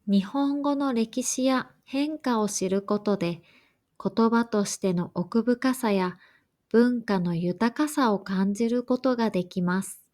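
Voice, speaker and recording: A woman reading a scripted lesson for learners in a slow, careful, even way. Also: on the high side. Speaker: language teacher.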